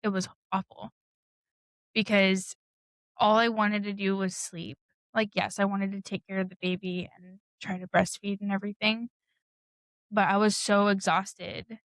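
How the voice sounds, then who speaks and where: A woman's voice: medium pitch, level tone, measured pace, no room sound, rough recording. A woman co-hosting a podcast, telling a personal story in a candid, blunt way, swearing and laughing often. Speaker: podcast co-host. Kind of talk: casual storytelling.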